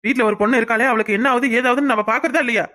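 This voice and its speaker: A stern, scolding village woman from a cartoon, as a woman acts her out, firing off demanding questions. Her voice is high and she talks quickly. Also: fairly even intonation, pushed and bright.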